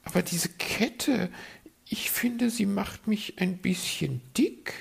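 A man voicing a vain, fussy female magpie in a read-aloud story, with a shrill, indignant way of talking. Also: takes it slowly, creaky, slightly rough, whispered, full character voice. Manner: shrill, indignant, fishing for compliments.

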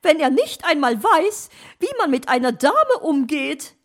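Storybook magpie lady, put on by a woman reader: high, shrill, loud, slow and chatty, bossy and teasing. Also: very animated.

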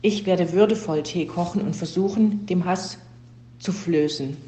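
A woman voicing a calm, dignified female personification of dignity who speaks in a composed, measured way. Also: on the low side, roomy sound, a little hiss or hum, lightly acted.

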